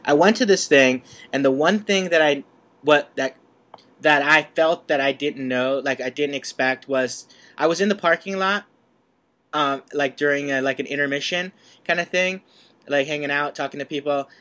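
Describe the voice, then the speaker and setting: A man hosts a casual interview chat in a bright, forceful voice that sits on the high side, at a normal speed. He asks long, rambling questions in a chatty way and laughs easily.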